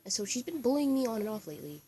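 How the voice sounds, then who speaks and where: A woman's voice: fairly high pitch, big pitch swings, racing, mellow. A teenage girl telling a casual, rambling story with lots of fillers, speaking as a voice-over. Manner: chatty, rambling, many fillers. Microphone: voice-over, not on camera.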